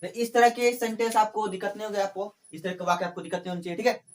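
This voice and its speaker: A man teaching a grammar lesson. He asks questions and answers them himself, repeats phrases, and keeps dropping in small fillers like "okay". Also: high-pitched. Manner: fills pauses with "ठीक है" and "आपको".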